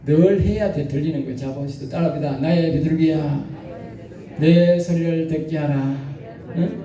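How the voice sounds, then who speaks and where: A man's voice: sits high, warm tone, a little hiss or hum. A male pastor preaching a sermon, exhorting the congregation and often asking them to respond. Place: church sanctuary. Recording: echoey church hall from far off.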